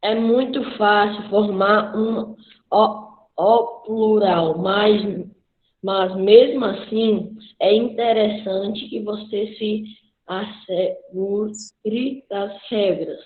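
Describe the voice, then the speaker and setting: A student reading a list of words aloud slowly and carefully over an online call. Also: male voice, high-pitched, fairly even intonation. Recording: echoey tinny phone-like call audio.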